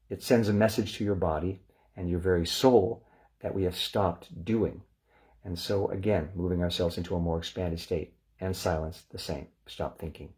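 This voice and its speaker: Male relaxation guide, very low and mellow voice, calm and unhurried. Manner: calm, unhurried, gently instructive. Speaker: relaxation session leader.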